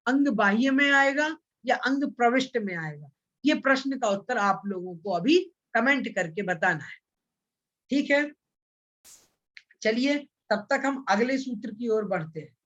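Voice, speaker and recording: A man teaching an online scripture class, patiently explaining and repeating points, and chanting Sanskrit verses slowly. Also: very high voice, lively intonation, fairly bright tone, lo-fi sound. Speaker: religious studies teacher.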